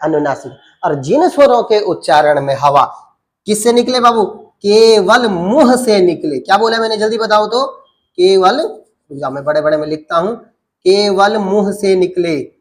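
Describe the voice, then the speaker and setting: A man teaching Hindi grammar to a class, asking questions and answering them himself in a coaxing call-and-response way. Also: high-pitched. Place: classroom with students.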